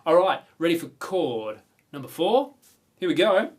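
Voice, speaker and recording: With a high-leaning, darkish voice and a sing-song, measured delivery, an Australian man leads an informal guitar lesson. His manner is chatty and enthusiastic, and the guitar strumming, acoustic or electric, stands out in the recording.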